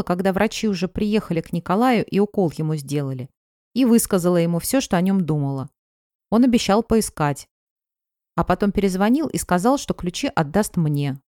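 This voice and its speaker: Woman reading a worried, defensive female friend, emotional, self-justifying, lowish voice, dry sound. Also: animated, normal speed, warm tone, no echo, lightly acted.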